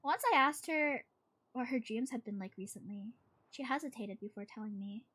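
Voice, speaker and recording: Higher-voiced woman telling spooky horror stories. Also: fairly bright tone, slightly rough. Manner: suspenseful, acted-out reading with pauses and stumbles. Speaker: streamer reading horror stories to a live chat. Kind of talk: dramatic spooky storytelling, horror-host narration.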